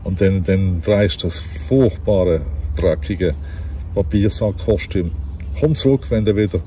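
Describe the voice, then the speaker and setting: A man with a Basel Swiss German accent voicing a vain, fussy young prince who scolds slowly and with disdain. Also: sits low, mellow, slight background noise. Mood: scornful.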